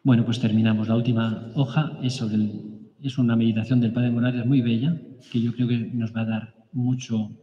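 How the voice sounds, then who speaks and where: A man reading a story of martyrs aloud to a prayer group as preacher, halting and restarting now and then. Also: medium pitch, little pitch movement. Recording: echoey hall, dull lo-fi sound.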